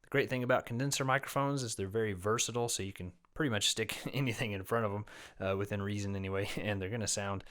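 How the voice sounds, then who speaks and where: In a small, fairly dead room, a man who teaches music chats fast and loosely while reviewing and demoing a condenser microphone. He's relaxed and rambling with lots of fillers, his voice a bit low as he recovers from being sick. There's no pop filter, and he moves closer and farther from the mic.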